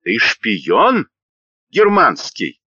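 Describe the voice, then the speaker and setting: A man's voice: mid-range voice, very animated, measured pace, bright, forceful tone, no echo, muffled recording, exaggerated voice. A man voicing a coarse, brutal male Red Army squad leader who barks orders and mocks his captive. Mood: barking. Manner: barking, menacing, mocking.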